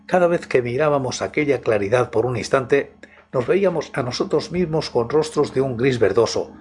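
A man narrates scripted horror stories in a hushed, intimate half-voice, as if right in the listener's ear. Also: mid-range voice, lively intonation, moderate pace. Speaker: channel host and horror story narrator. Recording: music behind the voice. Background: background music.

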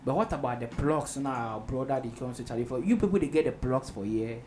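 The roundtable host here is a Ghanaian-accented man whose mid-range, darkish voice moves fairly quickly through casual, Pidgin-flavoured chat. He echoes his guests' remarks, and the recording carries the ambient noise of a busy room.

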